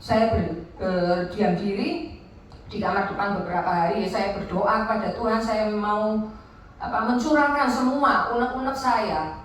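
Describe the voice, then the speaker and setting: A woman's voice: medium pitch, normal speed, a little hiss or hum. A woman giving a candid personal testimony at a fellowship meeting, dropping into asides. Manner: candid, mixing in Javanese asides. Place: hotel function room. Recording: echoey room, distant mic.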